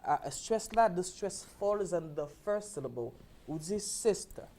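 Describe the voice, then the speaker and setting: A woman's voice: on the low side, expressive, a little slow, dark tone. A Haitian woman teaching English pronunciation on a talk show, explaining patiently and checking in with a repeated "ok?".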